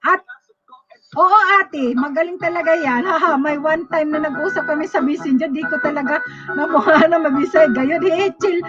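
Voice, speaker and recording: Woman, Bicolano-tinged Filipino accent, high voice, chatty livestream host, frequent laughter, dull lo-fi sound, music playing behind. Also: normal speed. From Bicol region, Philippines. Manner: chatty, laughs often, trails off with fillers. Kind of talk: casual livestream chat reading viewer comments.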